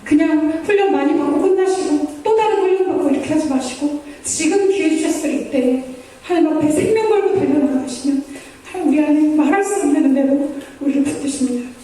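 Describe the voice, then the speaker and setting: A woman's voice: high-pitched, fairly quick, hardly any pauses, warm tone. A woman missionary preaching a sermon, earnest and pleading, acting out prayers in the first person. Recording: echoey hall from far off.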